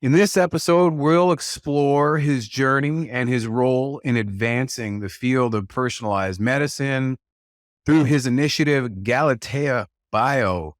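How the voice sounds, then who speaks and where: A man's voice: medium pitch, unhurried, dry recording, clean studio sound. A man hosting a podcast, reading an earnest scripted welcome and then chatting casually with his guest. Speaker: podcast host.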